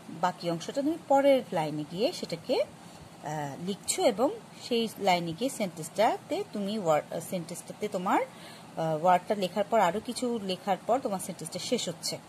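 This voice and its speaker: A woman teaching a grammar lesson, explaining patiently to students with many pauses and restarts. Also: medium pitch, darkish tone, a little hiss or hum, low-quality recording. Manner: patient, addresses students directly. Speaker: English teacher.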